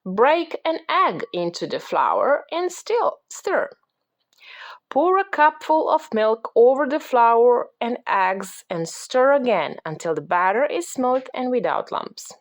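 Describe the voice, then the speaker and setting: Woman voicing busy storybook mother, patient, instructive, slow, lively. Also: on the high side, voice pushed up, heavily acted. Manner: calm, instructive.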